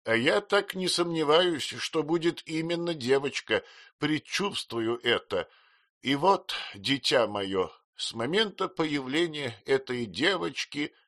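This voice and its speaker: A man's voice: a little high, animated, takes it slowly, a bit bright, dry recording, clean studio sound, voice pushed up, full character voice. A man voicing a stern, commanding elderly aunt who speaks sharply and impatiently.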